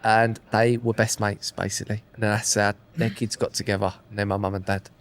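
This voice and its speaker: A man's voice: fairly low pitch, flat delivery, fairly quick. A man in his thirties with an Essex accent hosting a podcast with casual, mocking, sweary comedic banter. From Essex, England. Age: 30s. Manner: mocking, sweary, mimics other people's remarks. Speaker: podcast host.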